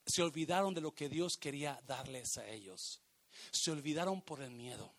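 A man preaching a sermon as pastor, emphatic and repetitive, rising to loud shouts and slipping English phrases into his Spanish. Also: fairly high pitch, normal speed.

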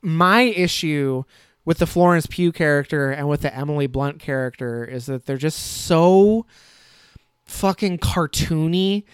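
A man's voice: a little high, unhurried, clean tone, no room sound, clean studio sound. A man co-hosting a podcast, giving blunt, critical film opinions in casual chat and swearing freely. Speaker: podcast co-host.

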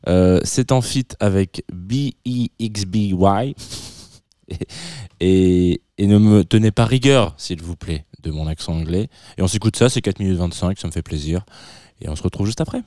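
Low-voiced man hosting a radio music show. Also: brisk, dark tone, dry recording, clean studio sound. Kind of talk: casual on-air music presentation.

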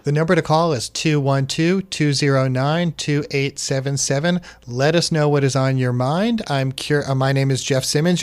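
Radio host guy from queens, smooth clear voice, mid pitch, taking calls. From Queens, New York. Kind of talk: radio hosting.

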